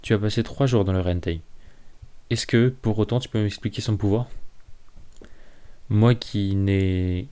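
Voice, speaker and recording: Brief: a sweet, seductive woman who persuades gently, read by a man in his own low, dark voice. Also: fairly even intonation, unhurried, long pauses, smooth, lightly acted. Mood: gentle. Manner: soft, honeyed persuasion.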